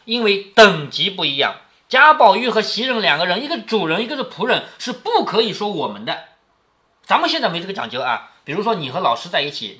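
A man's voice: high voice, bright, forceful tone. A man reading a classic novel aloud to his daughter and explaining it, often asking "isn't it?" and lifting his voice for quoted lines. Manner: keeps asking tag questions like "isn't it?" to check understanding; reads quoted lines with a raised, acted lilt.

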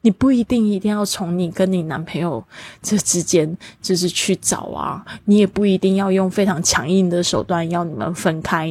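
A woman hosting a language lesson podcast, explaining new words and spelling them out slowly. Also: lowish voice, darkish tone, slightly rough, no room sound. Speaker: English teacher.

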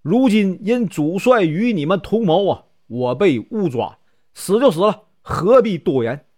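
A man voicing a captured general who shouts insults in proud defiance. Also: high-pitched, animated, measured pace. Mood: defiant.

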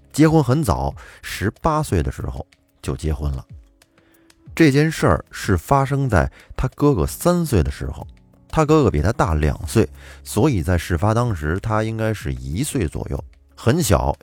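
A man's voice: fairly low pitch, a little mellow, no echo. A man hosting an audio folk-tale show, narrating in a conversational manner with asides to the listeners. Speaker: storyteller host.

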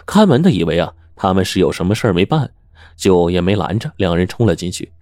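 A man narrating a dramatic story in animated oral storytelling style. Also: low-pitched, fast talker, no echo, studio quality.

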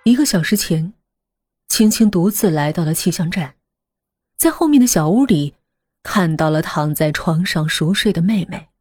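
A woman narrating a horror story in a hushed voice that often drops to a half-whisper. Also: fairly low pitch, animated, normal speed, husky, no room sound.

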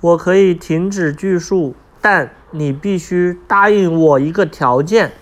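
A man's voice: high voice, unhurried. A man voicing a cruel, sly male fox who threatens in a storybook reading. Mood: menacing. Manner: menacing, threatening.

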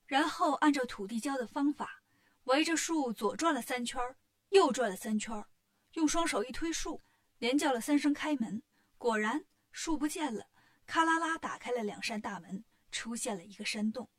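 Bright-voiced woman telling a storybook tale. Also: high voice, normal speed. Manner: lively, expressive storytelling. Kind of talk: storybook narration for children.

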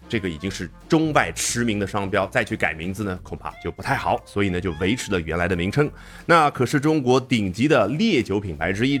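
A man teaching English, reading English news passages aloud and explaining them in Chinese. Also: on the low side. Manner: lively, reads English passages aloud then breaks them down.

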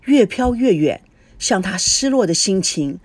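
A woman narrating an audiobook story with an expressive, dramatic reading. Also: mid-range voice, measured pace, no room sound. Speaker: story reader.

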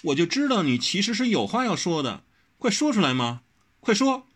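In an audiobook, a man voices a headstrong, pouty young swordswoman, sounding whiny and insistent. His exaggerated voice sits high, above his own natural range, with wildly swooping pitch, a bit of brightness, and a breathy edge. He reads at a moderate pace.

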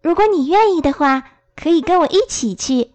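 A woman's voice: sits high, animated, normal speed, no room sound, voice pushed up. A woman reading a storybook aloud and voicing a polite, brave little girl. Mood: eager. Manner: polite, bright and eager.

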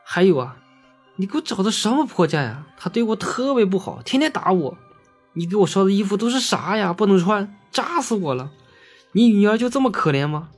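A man's voice: big pitch swings, fairly quick, soft background music, exaggerated voice. Man voicing a wailing wronged ghost woman. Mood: tearful grievance. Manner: sobbing, shrill complaint.

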